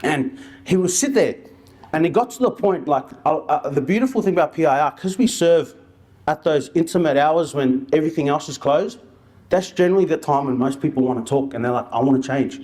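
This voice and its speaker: A man's voice: on the high side, fairly quick, a little mellow. A man giving an informal presentation as an outreach worker, telling stories in colloquial, slangy language. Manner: colloquial and anecdotal, with slang and re-enacted dialogue.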